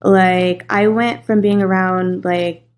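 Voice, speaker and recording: Guesting on a relaxed interview, this casting and voice director, a young woman from California, speaks slowly in a lowish, steady voice. Her talk is loose, sprinkled with fillers and frequent laughs.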